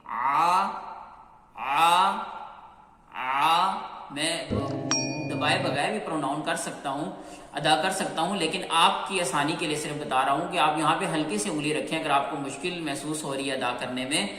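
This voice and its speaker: A man with a bright, fairly high voice gives a patient pronunciation lesson, drawing out each letter slowly and repeating it. The room is echoey, and each word trails off into a long reverb. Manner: slow, clear, repeats sounds and drawn-out chanted letters. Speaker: Qur'an teacher.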